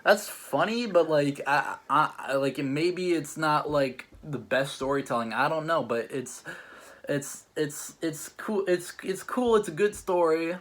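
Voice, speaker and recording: Here the challenge-show host and judge has a fairly high, slightly bright voice and an unhurried delivery. He chats loosely about the stories, meandering and hesitant, leaning heavily on "like."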